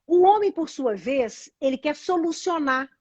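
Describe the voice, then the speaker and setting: A woman's voice: high voice, lively intonation, unhurried, darkish tone, no echo, lo-fi sound. A woman with a Brazilian Portuguese accent, hosting a casual live chat and earnestly explaining ideas while often restarting her phrases. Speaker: host explaining meditation and nonviolent communication.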